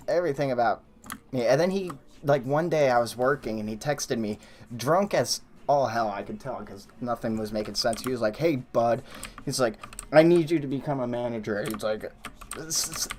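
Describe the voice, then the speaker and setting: A man's voice: medium pitch, a little hiss or hum. Rambling young man telling a work story. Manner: rambling storyteller, many likes and restarts. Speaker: streamer. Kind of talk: casual chat while building a coaster in a game.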